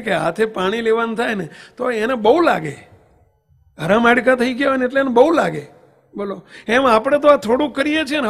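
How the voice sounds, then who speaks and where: A man, a monk, giving a devotional sermon with emphatic rhetorical questions and anecdotes. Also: very high-pitched. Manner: tells anecdotes and sings verses. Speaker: monk preacher.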